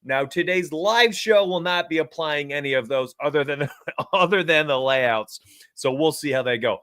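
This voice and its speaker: A man's voice: on the high side, moderate pace, clean tone, no echo, studio quality. A forty-year-old man from New York, hosting a sports betting live stream and chatting energetically with his viewers. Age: 40s. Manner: energetic, talks straight to chat. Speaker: sports betting show host. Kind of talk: casual live-stream chat.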